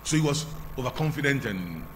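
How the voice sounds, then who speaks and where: A middle-aged man with a Ghanaian English accent, a canon reading the gospel and preaching, in measured phrases that fall at the ends, through a lectern microphone at a church altar. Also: mid-range voice, animated. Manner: measured, drawn-out phrasing with falling line endings. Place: large church sanctuary at the altar. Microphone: lectern microphone, face mask on. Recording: long church reverb, faint hum.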